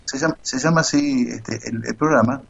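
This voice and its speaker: Argentine man, radio host, breathy voice, lo-fi sound, storyteller. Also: mid-range voice, a little fast. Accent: Argentine Spanish. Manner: storytelling, quoting others animatedly. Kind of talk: casual radio commentary. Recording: muffled lo-fi sound.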